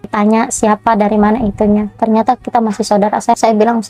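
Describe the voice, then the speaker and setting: A woman's voice: mid-range voice, fast, faint music behind. A woman giving an emotional personal testimony, acting out the dialogue of others as she tells her story. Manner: animated retelling with acted dialogue.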